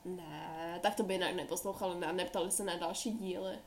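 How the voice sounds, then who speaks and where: This young woman rambles through a relaxed podcast chat, slangy and quick to giggle. Her talk is loose and friendly. A faint ambient hum sits under the recording. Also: on the low side. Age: young adult. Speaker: podcast co-host. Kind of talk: casual chat.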